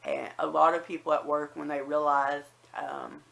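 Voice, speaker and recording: A woman's voice: low voice, level tone, normal speed, vocal fry, fairly bright tone. A woman telling a personal story casually to viewers, with a slight whistle on some words and a habit of acting out remembered remarks. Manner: conversational, acts out remembered remarks. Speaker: personal vlogger.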